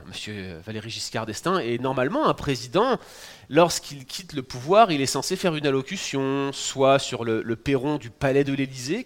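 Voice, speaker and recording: French preacher giving a conversational sermon. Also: male voice, mid-range voice. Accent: French (France). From France. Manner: conversational, teaching with humor and asides. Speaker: pastor. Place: church in Quebec.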